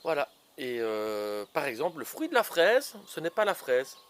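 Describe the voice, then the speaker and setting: A man talks in his outdoor garden as he plants seedlings. His slightly high voice swoops up and down with playful energy as he teases young viewers to guess each vegetable. Faint birdsong and clicks sit under the outdoor mic. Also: wildly swooping pitch, moderate pace, background noise. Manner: playful, teasing guessing games, many fillers. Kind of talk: casual gardening show for children.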